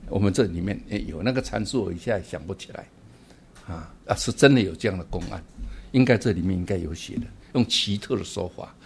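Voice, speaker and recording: A man giving a Buddhist dharma talk, animated and asking his listeners rhetorical questions. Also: low-pitched, fairly quick, vocal fry, breathy edge. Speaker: Buddhist teacher.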